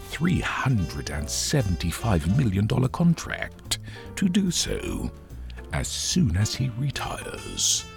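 A man delivers formal, wry opinion commentary in a very low voice that is giving out, hoarse with a cold. His pitch swings dramatically from word to word, and faint music sits behind him. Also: wildly swooping pitch, takes it slowly. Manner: wry, wordy, formal phrasing. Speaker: podcast host. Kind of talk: scripted opinion commentary monologue.

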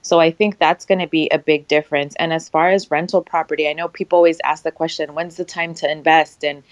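A woman's voice: sits low, fairly even intonation, brisk, no echo. A woman who invests in real estate, speaking on a panel in a confident, matter-of-fact way. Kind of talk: panel discussion.

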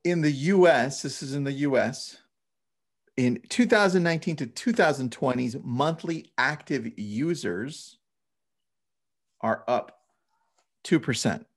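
Guy cohosting a podcast, creaky fry in his voice, informal and punchy chat. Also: medium pitch, lively intonation, a little slow, pauses often. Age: 30s or older. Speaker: podcast co-host.

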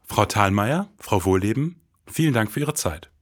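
Fairly low and husky, this man's voice has lively intonation at normal speed as he narrates and hosts a podcast like a hard-boiled detective. The scripted noir narration is dramatic and brooding.

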